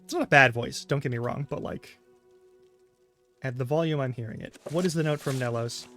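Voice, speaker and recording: A man's voice: mid-range voice, fairly quick, pushed and bright, soft background music. A man casually chatting and swearing freely while streaming a game. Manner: rambling, frank, swears casually. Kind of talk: casual live-stream commentary.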